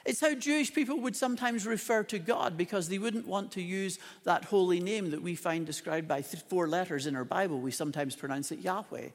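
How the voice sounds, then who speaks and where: A man preaching a sermon with dramatic emphasis, his loudness rising and falling a great deal. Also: high-pitched, a little fast, hardly any pauses, big-room sound.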